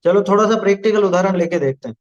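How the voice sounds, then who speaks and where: A man's voice: sits high, rapid-fire, a little mellow, dull audio. A man giving a spoken religious discourse as a scripture teacher, explaining patiently and often checking with listeners that they follow. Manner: explains patiently, asks listeners "है ना?" and "आया समझ में?".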